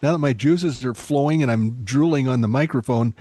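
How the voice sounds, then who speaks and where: A man's voice: mid-range voice, a little fast, noisy background. A man hosting a podcast in casual chat, wordy, playful and self-deprecating, speaking close to the microphone. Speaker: podcast host.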